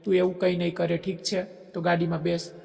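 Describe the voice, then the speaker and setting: A man voicing an obsessive, possessive young man in a storybook drama, forceful and speaking through gritted teeth. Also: sits high, monotone, a little fast, gravelly, faint music behind. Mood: angry, desperate. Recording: echoey long reverb.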